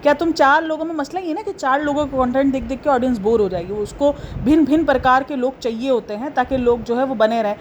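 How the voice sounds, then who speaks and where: A high-voiced woman hosting a commentary vlog addresses her viewers casually, scolding them and firing off rhetorical questions in exasperation. She talks fast with hardly any pauses, and the dull audio carries a faint hiss of noise.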